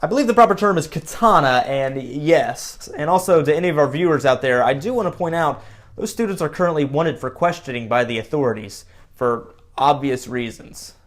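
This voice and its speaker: Actor as smug, needling TV news host. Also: male voice, a little high, animated, fairly quick, lightly acted. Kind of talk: broadcast interview acting.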